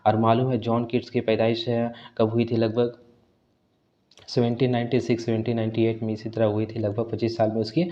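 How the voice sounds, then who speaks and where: A male teacher explains exam questions on English literature, mixing Hindi with slowly read English lines and often saying "ठीक है". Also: mid-range voice, monotone, warm tone, lo-fi sound. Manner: mixes Hindi with English, reading English phrases slowly; repeats "ठीक है" as a filler. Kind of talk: exam-prep lesson.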